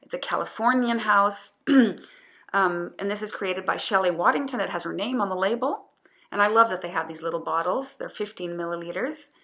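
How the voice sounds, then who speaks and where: A woman's voice: medium pitch, brisk, sharp tone. A woman casually reviewing her favorite perfumes, chatty and hesitant, with frequent restarts and fillers.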